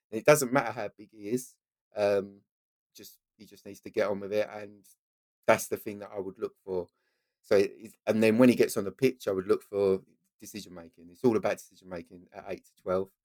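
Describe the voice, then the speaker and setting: A man's voice: fairly low pitch, darkish tone, dry recording. A man with an Essex accent giving explanatory interview answers as a football scout and coach, emphatically repeating his key points.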